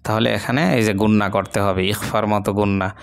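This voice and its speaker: Patient man teaching recitation slowly. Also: on the low side, flat delivery, clear, resonant tone. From Bangladesh. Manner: patient, repeats syllables slowly, drawls long vowels. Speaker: Quran reading teacher. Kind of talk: step-by-step recitation lesson.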